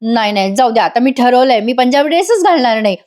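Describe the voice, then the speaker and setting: A woman voicing a young wife who gets annoyed easily and answers back quickly. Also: on the high side, lively intonation, a little mellow, natural voice. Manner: indignant, quick.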